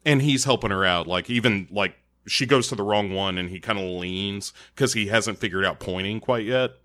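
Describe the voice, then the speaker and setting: A man co-hosts a podcast and recaps an episode in casual chat, his voice on the low side, pushed and bright, at a normal speed. He talks eagerly and emphatically, with stammering restarts.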